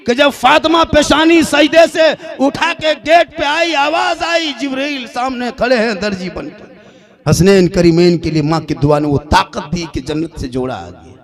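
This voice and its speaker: A man with an Indian Hindi-Urdu accent and a strikingly high voice preaches an emotional sermon. He tells stories dramatically, voicing each character's lines himself. His delivery swells into shouted passages. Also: measured pace, vocal fry. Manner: dramatic storytelling, acts out dialogue, rising to shouts.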